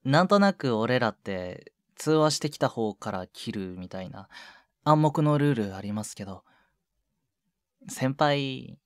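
A man voices a shy junior boyfriend, younger and clumsy with affection, in a one-sided phone call from an intimate ASMR situation drama. His medium-pitched, expressive delivery is a little slow, soft and hesitant, gentle yet reluctant, with breathy murmurs and casual politeness. It is studio quality, recorded dry on a close microphone.

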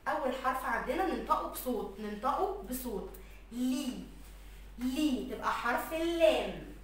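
A woman with an Egyptian Arabic accent teaching letters to young children, slowly stretching out sounds and words. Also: high voice, animated, very echoey, far from the mic, slight background noise. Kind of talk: recorded lesson for young children.

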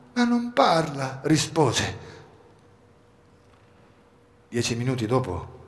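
A man performing a dramatic first-person monologue at a live outdoor show, moving between hushed low passages and urgent shouts. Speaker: stage reader of a monologue. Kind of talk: theatrical first-person storytelling. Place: outdoor garden stage.

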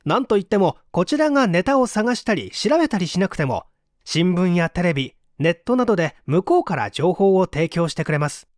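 Reading nonfiction aloud a little fast, this audiobook narrator explains each point in turn. Delivery is scripted and clear, with animated rises and falls in pitch, and the close, dry recording carries no room sound.

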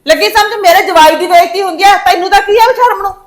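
A woman playing a sharp-tongued visiting mother who scolds and taunts her daughter's in-laws in a family drama. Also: very high voice, quick pace. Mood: scolding.

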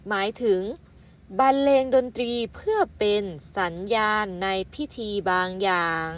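A primary school teacher, a woman, reading out vocabulary syllable by syllable for young pupils, with gentle polite fillers and a motherly way of addressing them. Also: mid-range voice. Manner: spells out words syllable by syllable and adds polite "na kha" fillers. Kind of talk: slow, careful vocabulary lesson for young children.

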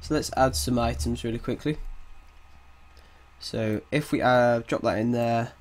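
In this casual screen-recorded coding tutorial, a game development tutor with a cold sounds a little croaky in his mid-range voice. He muses aloud while typing, pauses with hesitation, and chuckles at mistakes, backed by keyboard sounds and soft music.

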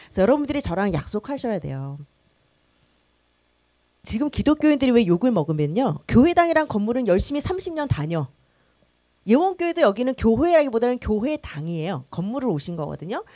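A middle-aged woman pastor teaching a church class for new members in a lively, conversational way, acting out the quotes she tells. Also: on the high side, fairly quick, no echo. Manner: conversational, animated, acts out quotes.

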